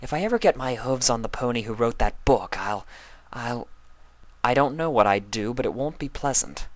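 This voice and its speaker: A man voicing a gentle, regal pony princess with a soft manner. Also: medium pitch, expressive, normal speed, dry recording, pitched above the performer's own voice, lightly acted. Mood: teasing.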